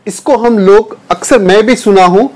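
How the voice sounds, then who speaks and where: High-voiced man teaching English pronunciation. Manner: drills each word slowly, repeating it; addresses viewers as dear students. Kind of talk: pronunciation lesson.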